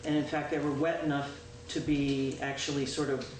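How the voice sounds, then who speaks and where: A woman clerk addresses the town board with an informal, chatty report during a public meeting, her loud voice extremely low in pitch and fairly even in intonation. Frequent "um" pauses and self-corrections mark her speech. Captured by a distant mic in the meeting room, the local-access recording is echoey, distant, and noisy.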